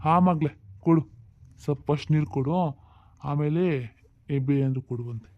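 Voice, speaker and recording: A man voicing an easygoing, indulgent father who calms his scolding wife in a cartoon family drama. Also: fairly high pitch, moderate pace, no room sound, natural voice. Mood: resigned. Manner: soothing, placating. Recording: slightly dull lo-fi sound.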